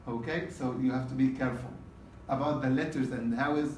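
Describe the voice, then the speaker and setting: A man's voice: medium pitch, steady tone, fairly quick, darkish tone, slight background noise. A man teaching a test-prep class in a casual lecture style, often checking in with "okay?" and repeating key points. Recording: roomy classroom from a distance.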